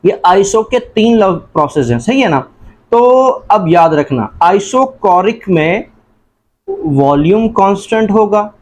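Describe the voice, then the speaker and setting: A man's voice: high-pitched, lively intonation, slow, darkish tone. A man with a Pakistani Urdu accent teaching an entry-test lesson, asking each question and answering it himself, often calling the listeners "janab".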